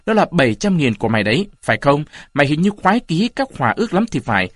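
A man's voice: a little high, very animated, fast, fairly bright tone, no room sound. A man voicing a furious mutinous male pirate who rants and jeers at his rivals. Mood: jeering, furious. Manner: ranting, jeering.

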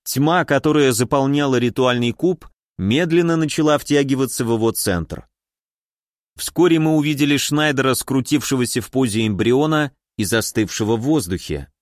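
A man reading a first-person fantasy audiobook with an expressive manner. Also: mid-range voice, normal speed, no echo, clean studio sound. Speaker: audiobook narrator.

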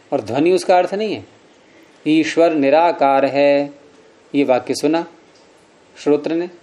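A man's voice: fairly high pitch, darkish tone. A man teaching Sanskrit philosophy in to a class, reciting sutras and questioning his students as he goes. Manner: questions the class often, repeats key words, Sanskrit recitation. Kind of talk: classroom lecture explaining sutras.

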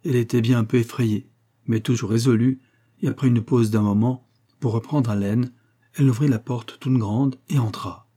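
Mellow husky male audiobook narrator. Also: mid-range voice, steady tone. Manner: measured storytelling.

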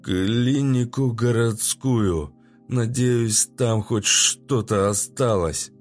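A weak, injured older doctor, played by a man in an audiobook. He speaks slowly, at a middling pitch that sits close to the reader's own voice. Faint music plays behind him. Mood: urgent.

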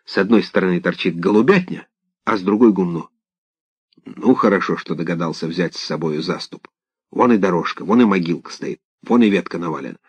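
A man narrating a folk tale in an expressive, dramatic reading. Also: deep voice, fairly quick, slightly rough, no echo. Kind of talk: scripted storytelling narration. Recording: dull lo-fi dry recording.

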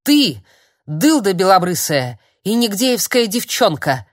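Swinging widely in pitch, a woman speaks at a normal speed as an agitated old man, nervous, shrill and menacing. He grumbles and then erupts into spluttering, shrieked threats, captured in a dry, clean studio recording.

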